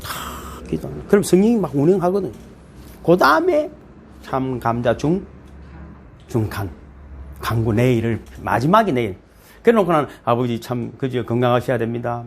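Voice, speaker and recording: A middle-aged man with a Gyeongsang Korean accent preaching a sermon as pastor, in a lively, folksy way with playful asides to the congregation. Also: medium pitch, normal speed, long pauses, slight background noise. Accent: Gyeongsang Korean dialect.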